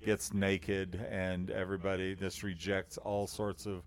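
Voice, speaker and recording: A man's voice: sits low, level tone. A man co-hosting a casual chat podcast, telling a story with many fillers and frequent laughter. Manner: laughs often, halting with fillers. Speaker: podcast co-host.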